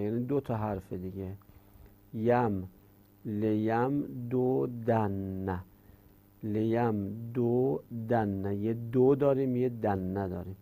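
A man teaching an Arabic grammar lesson in Persian, reciting verb conjugations in a steady drone and then explaining the rules step by step. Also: fairly low pitch. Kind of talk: religious-school grammar lesson.

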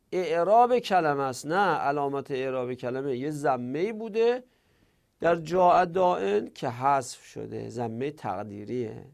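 Gravelly-voiced man teaching a grammar class. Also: a little high. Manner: explains step by step, asks and answers imagined student objections.

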